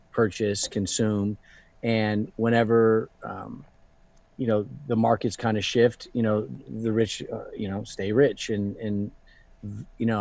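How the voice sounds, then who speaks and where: In a dry recording, a thirtysomething man with a lowish, mellow voice talks as a guest on a laid-back live online Q&A. He's a luxury fashion founder, musing casually and filling gaps with frequent "you know"s.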